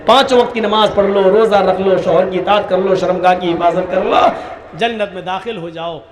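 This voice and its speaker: A man's voice: high-pitched, steady tone, brisk, roomy sound, crowd noise. A man preaching a sermon, mixing jokes with emphatic, sing-song recitation. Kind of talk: sermon with humorous stories.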